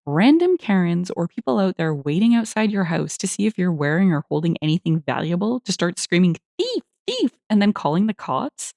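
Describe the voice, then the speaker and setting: A woman narrating internet stories in an animated, expressive, casual way. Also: fairly low pitch, brisk, gravelly, hardly any pauses, dry recording, clean studio sound. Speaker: story narrator.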